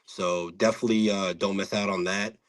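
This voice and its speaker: A laid-back male guest with a lowish voice, joking easily as he talks up his streams. He sounds relaxed and casual throughout. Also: brisk. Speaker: guest, card breaker. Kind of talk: casual chat.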